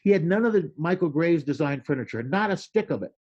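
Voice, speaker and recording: A man telling animated stories in a casual interview, acting out quoted lines with a loud voice. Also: a little high, fast talker, lo-fi sound. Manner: animated storyteller, acts out quoted lines loudly. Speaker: podcast guest, creativity speaker.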